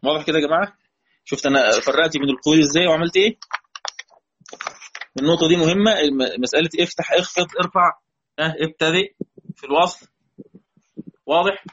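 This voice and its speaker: Egyptian-accented male teacher, husky, slightly high, checks understanding often; muffled lo-fi audio. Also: fast talker, pauses often, fairly bright tone. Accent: Egyptian Arabic. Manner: questioning students, repeating key phrases. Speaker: Quran recitation teacher. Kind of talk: lesson. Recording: dull lo-fi recording.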